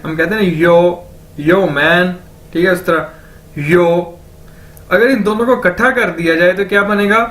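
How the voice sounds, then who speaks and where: A man teaching a vocabulary lesson, asking a question and then answering it himself, repeating each word slowly several times. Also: sits high, fairly bright tone. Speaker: language teacher.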